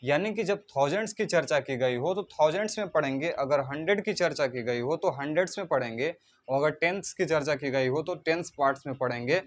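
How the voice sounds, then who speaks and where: A man teaching a math lesson in Hindi, reading out decimals digit by digit and slowing down as he writes them. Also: a little high. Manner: spells numbers out digit by digit, slows when writing. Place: coaching centre classroom.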